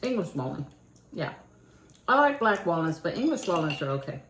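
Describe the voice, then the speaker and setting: An older woman with a Kentucky accent talks through a homey vlog in a folksy, chatty way. Her voice sits a little low and rings out in an echoey room with faint noise in the background. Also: big pitch swings, moderate pace, fairly bright tone. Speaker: channel host. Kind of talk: casual home vlog chat.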